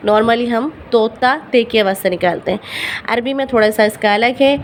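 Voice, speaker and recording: Speaking with a fairly high pitch, a woman who learned Urdu first shows beginners how to say Arabic letters for Quran reading. She repeats every sound slowly and patiently, and the low-quality recording has a little hiss or hum.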